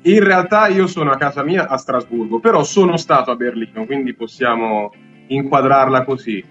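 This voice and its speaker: A man's voice: mid-range voice, moderate pace, fairly bright tone, soft background music. Man calling in over a dull phone line. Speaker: correspondent calling in. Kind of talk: phone-in report.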